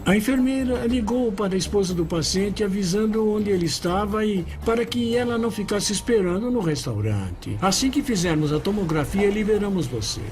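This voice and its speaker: A high-voiced Brazilian male doctor. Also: expressive, brisk, hardly any pauses, a little mellow, faint music behind. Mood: explanatory. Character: attentive, accommodating male emergency doctor. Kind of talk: dubbed documentary dialogue and narration. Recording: clearly noisy background ambience.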